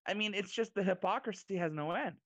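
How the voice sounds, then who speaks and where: A man's voice: sits high, a little fast, a bit bright, no room sound. A man co-hosting a casual political podcast, talking emphatically and repeating words as he builds a point. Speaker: podcast co-host.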